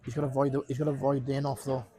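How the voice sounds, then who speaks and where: A man's voice: mid-range voice, level tone, very fast, mellow. A man giving casual, jokey live commentary on a pool match, rambling and repeating himself. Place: pub during a pool match.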